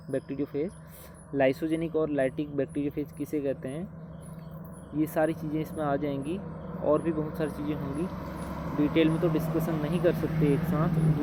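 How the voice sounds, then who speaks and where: A man's voice: on the high side, dark tone. A man teaching biology, explaining an exam syllabus step by step with many examples, speaking.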